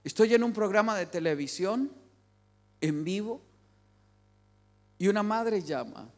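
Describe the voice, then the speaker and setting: A man's voice: high voice, animated, unhurried, a little mellow. Man preaching about family, punchy and repetitive, church hall talk. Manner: emphatic, repeats key phrases. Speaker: family speaker. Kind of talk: sermon.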